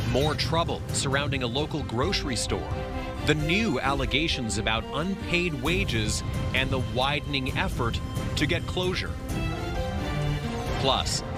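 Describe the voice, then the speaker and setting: A man announcing news headlines in a punchy scripted teaser. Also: medium pitch. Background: loud music.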